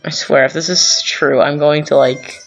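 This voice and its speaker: A man's voice: on the high side, steady tone, normal speed, gravelly, fairly bright tone, breathy edge. Man rambling through strategy game commentary. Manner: rambling, thinks aloud with fillers and self-corrections. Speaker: gaming channel host. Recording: dull lo-fi sound, faint music.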